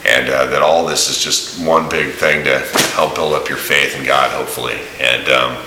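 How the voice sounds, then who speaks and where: A man giving a casual, rambling video diary in a halting, informal way, recorded in a big echoey room. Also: a bass voice, fairly even intonation. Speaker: vlogger and volunteer preacher on a mission trip. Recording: echoey room, big echo, audible hiss.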